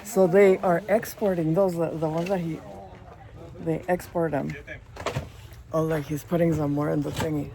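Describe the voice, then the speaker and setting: Holding her phone as she wanders through strawberry fields, a chatty woman vlogs in a low-pitched, flat voice at a moderate pace with long pauses. Her casual narration rambles and slips into Spanish, over a noisy background.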